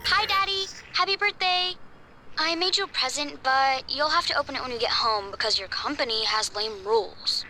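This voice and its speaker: Bright, high-pitched sweet little girl. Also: moderate pace, slight background noise, low-quality recording. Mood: excited, sweet. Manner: bubbly, girlish. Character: sweet chatty young daughter leaving her dad a message.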